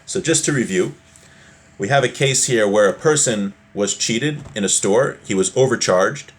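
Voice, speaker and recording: A man with a lowish voice, speaking at a normal pace, gives an informal lesson on religious law, reading from a text and explaining it through everyday hypothetical examples. Background noise is noticeable.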